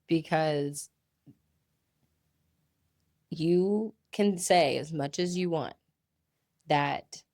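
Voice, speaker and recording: A woman co-hosting a podcast, breaking in with slow, amused interjections and teasing asides. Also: low voice, darkish tone, dry recording, clean studio sound. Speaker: podcast co-host. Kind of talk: casual chat.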